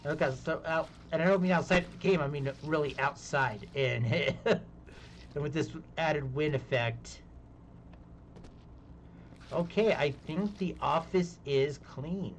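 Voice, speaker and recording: A man with a fairly high voice chats loosely while he plays a game on stream. He rambles from one topic to the next and laughs often. A faint hiss runs underneath. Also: a little slow. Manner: rambling, chatty, laughs easily. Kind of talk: casual gaming chat.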